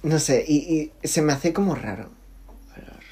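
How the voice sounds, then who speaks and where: A young man being interviewed in casual conversation, talking haltingly with many fillers and restarts. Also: fairly high pitch, warm tone, slightly rough. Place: lives in Barcelona.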